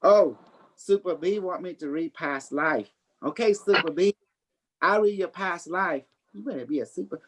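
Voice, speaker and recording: A psychic reader hosts a casual livestream, giving an improvised reading chat in a boastful, playful manner and rambling in non-standard English grammar. The voice is mid-range at normal speed, against a noisy background.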